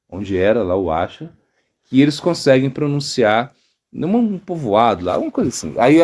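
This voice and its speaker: A man with a Brazilian Portuguese accent, a monk giving an informal devotional talk, halting often with fillers and tag questions. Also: medium pitch, darkish tone. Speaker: monk teaching a devotional lecture.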